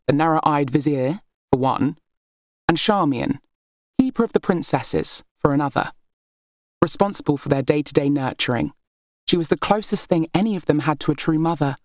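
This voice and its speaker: A woman with a low-pitched voice narrates a historical novel as an audiobook narrator, giving scripted, expressive storytelling. The recording is very dry, with no room sound at all.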